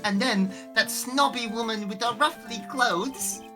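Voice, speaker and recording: A woman voicing a polite, earnest eight-year-old girl in a fan voice-over of a game, with soft background music. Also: fairly high pitch, measured pace, pitched above the performer's own voice. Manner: innocent, formal, polite.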